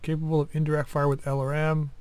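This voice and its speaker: A man's voice: on the high side, completely flat delivery, fast talker, darkish tone, smooth, no room sound. A man giving casual commentary over a strategy game, thinking aloud as he sorts through menus. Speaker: let's play host.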